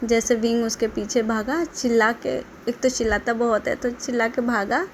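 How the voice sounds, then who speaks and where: A woman's voice: on the high side, steady tone, normal speed, slight background noise. A woman casually retelling a drama plot, chatting along and laughing at the funny parts. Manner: chatty, quotes characters, breaks into laughter.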